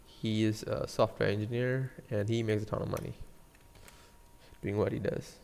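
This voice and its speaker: A man's voice: fairly low pitch, steady tone, moderate pace, gravelly, a little mellow, long reverb tail. A young man from Sri Lanka, a 3D designer chatting casually and joking with viewers while he models on a live stream. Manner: rambling, joking with chat viewers.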